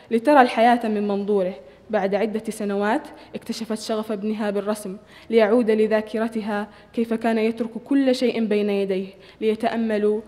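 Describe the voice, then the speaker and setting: Mellow-voiced woman reading a story in a hall. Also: mid-range voice. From Saudi Arabia. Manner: measured, expressive storytelling with occasional restarts. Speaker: short-story writer reading her story. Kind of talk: reading a short story aloud at a literary evening. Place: hotel function hall. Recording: long reverb of a large hall.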